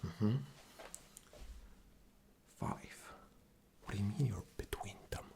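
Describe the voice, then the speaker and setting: In an ASMR interview roleplay, a man portrays a rude, arrogant male boss, speaking slowly in a low, mostly whispered voice with a gravelly creak. He sounds sarcastic, demanding, impatient and scornful.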